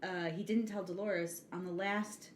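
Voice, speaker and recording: A woman's voice: fairly low pitch, fairly even intonation, moderate pace. Female podcast co-host, mid-range voice, emphatic storyteller, echoey room with light hiss. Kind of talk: casual chat.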